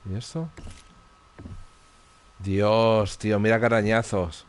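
A man's voice: on the low side, level tone, slow. A man with a Spain Spanish accent streaming live horror gameplay commentary, tense and muttering, swearing often.

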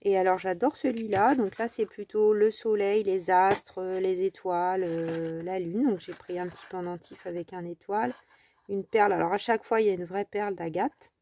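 Chatty French woman with a mellow voice. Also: medium pitch, fairly even intonation, normal speed. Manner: chatty, rambling, many fillers. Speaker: crafting tutorial host. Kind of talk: casual crafting tutorial.

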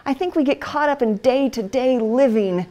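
A woman's voice: sits high, moderate pace, dark tone, highs cut off. A middle-aged woman giving a conversational church teaching to other wives, chatty and down-to-earth, slipping into everyday voices. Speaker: speaker at a women's Bible study.

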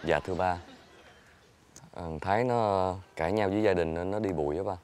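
Deep-voiced young man, preachy. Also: normal speed, a little mellow, some chatter behind, a little hiss or hum. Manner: preachy, sarcastic. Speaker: comedy actor. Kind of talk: comedy sketch acting.

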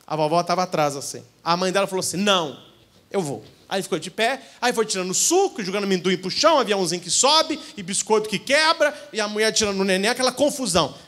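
Brazilian priest telling funny stories to couples, high voice that jumps all over, acts out the people in them. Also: male voice, fast talker, few pauses. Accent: Brazilian Portuguese. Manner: animated storytelling, acting out what people said. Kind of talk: humorous talk at a couples' retreat. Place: church event hall.

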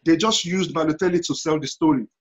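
A man's voice: fairly high pitch, quick pace. A man with a Yoruba Nigerian accent in an impassioned panel discussion, telling stories emphatically with rhetorical questions and repetition. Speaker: panel guest. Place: indoor room at home, video call. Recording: dull, lo-fi video call.

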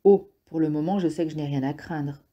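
Woman narrator doing a low, husky, defensive rentier for an audiobook. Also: fairly even intonation, brisk, muffled recording. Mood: defensive, agitated. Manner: agitated, blustering, sometimes pleading. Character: nervous middle-aged male rentier, defensive.

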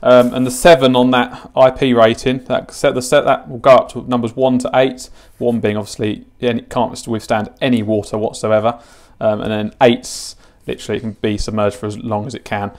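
A British man in his twenties, host of a fishing channel, demonstrates gear in a casual unboxing and tutorial filmed indoors in his home kitchen. His medium-pitched voice is a little mellow, and he talks in a flat, brisk, chatty, matter-of-fact way with hardly any pauses.

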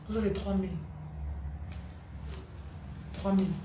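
A woman's voice: medium pitch, steady tone, measured pace, background noise. Woman preaching emphatically in an echoey room. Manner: emphatic, repeats key phrases; answers viewer comments by name. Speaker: spiritual coach. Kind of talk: live-streamed spiritual teaching.

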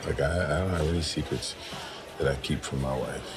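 An actor playing a relaxed married man sharing advice with a friend in a film. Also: extremely low pitch, fairly quick, over music. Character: laid-back married man giving advice. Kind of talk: film drama acting.

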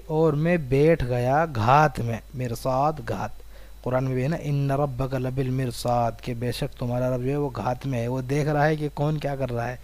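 A man's voice: mid-range voice, a little mellow, no echo. A man with an Indian Urdu accent teaching an Arabic lesson. He reads each line in Arabic and then explains it word by word in Urdu. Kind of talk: recorded online lesson, reading and translating.

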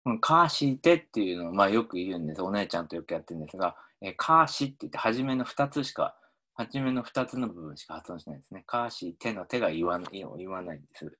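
A man with a very low voice gives a linguistics lesson over slides. His pitch swings widely as he explains, and he often pauses on fillers and restarts his sentences. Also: lively intonation, sharp tone. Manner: hesitant, many fillers and restarts. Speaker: linguistics lecturer.

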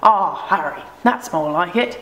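A woman's voice: on the low side, animated, measured pace, fairly bright tone, echoey room, a little hiss or hum, rough recording. A woman voicing a friendly, blunt giant man in an amateur parody film. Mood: hearty. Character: friendly giant man bringing news to a boy wizard.

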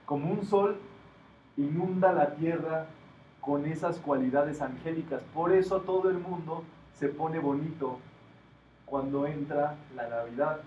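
A man teaches a classroom group, explaining ideas and putting questions to his listeners. His voice sits a little high for a man. The recording is taken from a distance in an echoey room, sounding dull with a faint hiss. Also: unhurried. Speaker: metaphysics teacher. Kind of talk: classroom talk to students.

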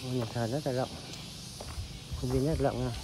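A man's voice: mid-range voice, steady tone, brisk, noisy background. Chatty man filming a walking tour. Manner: chatty, addresses viewers directly. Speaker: vlogger. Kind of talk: casual walking tour narration. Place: outdoors and inside a wooden church. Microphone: phone camera held while walking.

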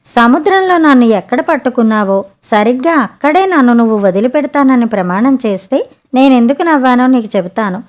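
A woman voicing a clever, sharp-tongued young sea maiden in a spoken storybook, talking frankly and chidingly. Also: fairly high pitch, lively intonation, a little fast, close to an everyday voice.

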